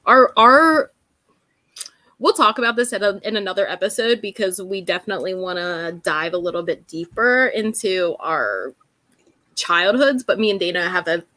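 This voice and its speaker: A woman's voice: medium pitch, animated, a little slow, bright, forceful tone, no echo. A woman co-hosting a casual podcast as a mother of two, chatty and laughing between phrases. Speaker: podcast co-host. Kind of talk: casual chat.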